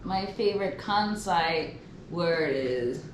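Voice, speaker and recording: A woman's voice: fairly low pitch, lively intonation, slow, very noisy. A woman hosting a casual interview, playful and teasing, with a giggly way of talking. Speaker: host. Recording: echoey room with loud crowd behind.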